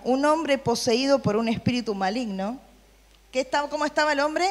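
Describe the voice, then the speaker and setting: Woman giving a sermon to young people, keeps asking them questions, reverb-heavy church hall. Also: high-pitched. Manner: lively, asks the room questions, reads Bible versions aloud. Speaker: preacher. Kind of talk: sermon with questions to a youth group.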